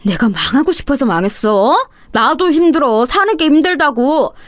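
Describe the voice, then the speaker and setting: A cold, bullying middle-aged husband who snaps out short commands, read by a woman narrator. The audiobook voice stays fairly high and is recorded close and dry, with no room echo. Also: sing-song, normal speed. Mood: angry. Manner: curt, commanding.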